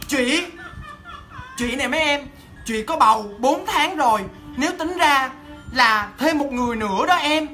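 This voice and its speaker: A man voicing a pregnant woman who calls out high and urgently, over music. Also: animated, normal speed, sharp tone, full character voice. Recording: music underneath.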